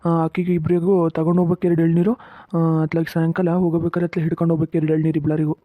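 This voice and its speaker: A fussy older farmer in a cartoon, voiced by an actor. He grumbles and frets at a quick clip. The sound is thin and phone-like, with no room echo. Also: mid-range voice, completely flat delivery, lightly acted. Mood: muttering. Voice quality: fast, grumbling, talks to himself. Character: older village farmer with coconut grove, fussy, fretting about money. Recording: tinny narrow-band sound, dry.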